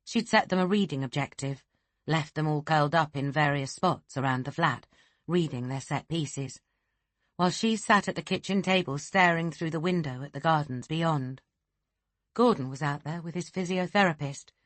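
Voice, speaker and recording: A woman narrating a thriller audiobook in a steady, unhurried way. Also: low voice, no echo. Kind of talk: scripted narration.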